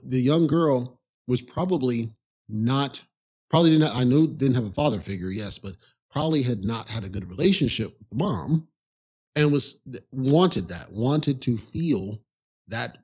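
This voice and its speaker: A male podcast host tells a personal story in a casual monologue, his husky, slightly breathy voice at a middle pitch, animated and darkish, at a moderate pace. He rambles conversationally, circling back on himself and scattering "you know" asides with an exasperated edge.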